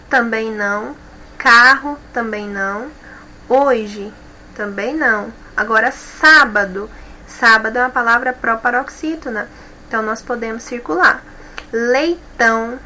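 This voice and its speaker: Bright-voiced woman teacher, words drawn out. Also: fairly high pitch, a little hiss or hum, low-quality recording. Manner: stretches example words slowly, syllable by syllable. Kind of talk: grammar lesson, correcting exercises.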